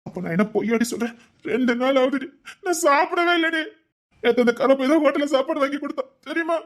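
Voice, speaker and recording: A man's voice: very high-pitched, expressive, a bit bright. A man playing an aggrieved husband who scolds and then pleads with his wife in a web drama. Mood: angry scolding. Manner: reproachful, rapid nagging with repeated "di".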